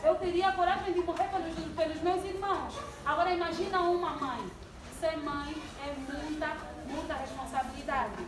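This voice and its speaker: Young woman in her twenties, high voice, preaching to a congregation and calling for responses; recorded from a distance with room noise. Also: steady tone, moderate pace. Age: 20s. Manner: asks the audience questions and draws responses. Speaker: church youth speaker. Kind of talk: sermon-style talk to a congregation. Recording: distant mic in an echoey hall with background noise.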